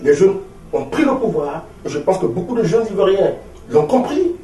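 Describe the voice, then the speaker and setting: Very animated yet at normal speed, this man's high-pitched, dark voice drives an interview in which he, an opposition party leader from Ivory Coast in his forties, speaks French with an Ivorian accent. He is emphatic and rhetorical, repeating phrases. The audio is roomy and distant with faint noise.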